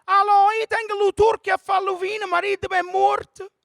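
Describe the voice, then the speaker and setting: A man voicing an older widowed woman, shouting into a radio call-in line. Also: extremely high pitch, little pitch movement, fairly quick, creaky, no echo, clean studio sound, pitched above the performer's own voice, full character voice. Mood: insistent. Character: elderly widowed woman caller, loud and pushy.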